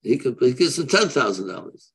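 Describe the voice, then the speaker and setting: A man in his seventies, a rabbi answering questions off the cuff on a video call, haltingly repeating and rephrasing as he weighs both sides. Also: medium pitch, very animated, slightly rough. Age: 70s. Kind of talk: unscripted religious question-and-answer. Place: room, seated on a video call. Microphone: video call microphone.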